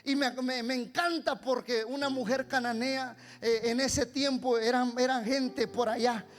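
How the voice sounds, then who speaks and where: High-voiced, fervent male pastor preaching. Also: fairly even intonation, unhurried. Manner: fervent preaching, swinging from hushed to shouting; repeats words and restarts often. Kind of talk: sermon.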